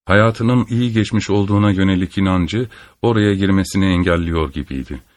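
A male audiobook narrator reads a literary text in a measured, solemn way, his voice sitting low. The recording is dry and close, without any room sound.

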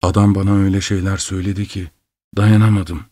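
This is a young son in an audiobook, exhausted but firm, his words flat and steady, as a male reader puts him on. The voice is lowish. The recording is dry and close. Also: fast talker, dry recording. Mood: weary. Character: tired, resolute young man, son. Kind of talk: audiobook reading.

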